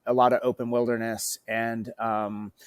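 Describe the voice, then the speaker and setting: A man in his thirties from Norway, a bison rancher and guest in a casual interview, talking in a relaxed, halting way with many fillers and restarts. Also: medium pitch, smooth, no room sound.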